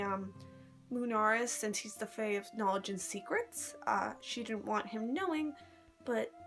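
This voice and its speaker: A woman's voice: on the high side, fairly bright tone. A woman chatting casually to her phone at arm's length, telling stories in a rambling, slangy way as a vlogger. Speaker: vlogger recounting a live-action role-play event. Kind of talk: casual chat.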